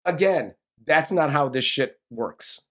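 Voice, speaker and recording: A man's voice: a little high, animated, slow. A man co-hosting a casual movie review podcast, ranting and swearing in a rambling way. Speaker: podcast co-host.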